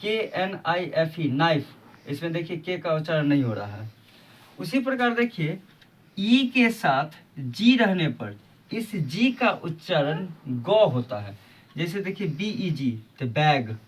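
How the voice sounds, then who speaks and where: Explaining English pronunciation rules on his video channel, a man patiently repeats every example and poses rhetorical questions. His voice is a little high, and the mic sits at a distance.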